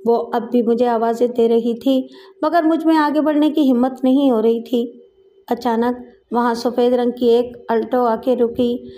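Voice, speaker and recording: A woman reading a crime story aloud in a steady, dramatic storytelling manner. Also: fairly high pitch, measured pace. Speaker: audiobook narrator. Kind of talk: scripted narration of a crime story.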